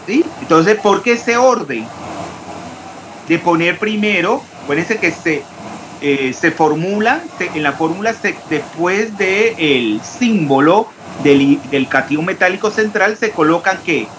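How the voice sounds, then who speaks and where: A man's voice: high voice, animated, measured pace, background noise. A man teaching a chemistry class, asking his students questions and spelling out formulas step by step. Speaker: chemistry lecturer. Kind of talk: online class lecture.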